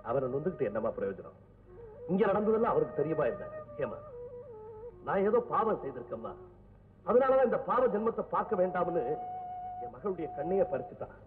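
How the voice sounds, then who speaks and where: Worried middle-aged uncle, quick and pleading, lively pitch, tinny old film sound. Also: male voice, big-room sound, recorded from a distance, music in the background. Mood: anxious. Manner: anxious, pleading. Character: troubled middle-aged man, the woman's uncle.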